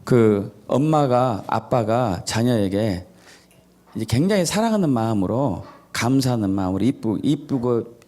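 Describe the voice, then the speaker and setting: A man's voice: medium pitch, animated, measured pace. A male pastor preaching a sermon who keeps asking the congregation questions and answering them himself, stacking up repeated phrases in lists. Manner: acts out scolding and gentle parent voices; repetitive listing cadence.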